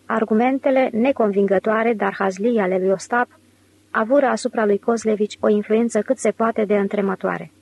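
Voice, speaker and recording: A woman narrating an audiobook in a measured, clear reading voice. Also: medium pitch, fairly even intonation, darkish tone. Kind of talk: scripted narration.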